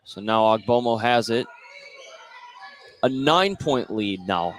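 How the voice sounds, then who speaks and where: With lively intonation and an unhurried pace, a man at a medium pitch does live radio play-by-play of basketball. The setting is an indoor school gym, and the noisy courtside broadcast carries distinct gym noise.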